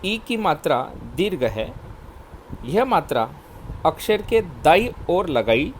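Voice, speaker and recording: A man teaching a primary school Hindi lesson to children, spelling out words slowly syllable by syllable and often pausing to say "okay, children". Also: a little high, sing-song, slight background noise, low-quality recording. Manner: slow, spelled-out word drills.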